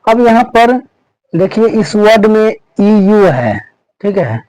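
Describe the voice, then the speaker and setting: Slow-explaining male teacher, higher voice. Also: very animated, a little mellow, dry recording, rough recording. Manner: repetitive, checks in constantly with "okay"; spells out letters and sounds step by step. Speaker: English pronunciation teacher. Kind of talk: classroom-style lesson explanation.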